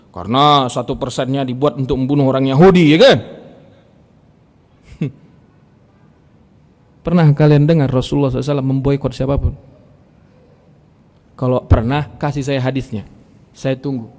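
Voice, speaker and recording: A male preacher with a Medan accent giving a lively, direct sermon with stories, challenging the audience, in a large mosque hall. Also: mid-range voice. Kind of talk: sermon with storytelling.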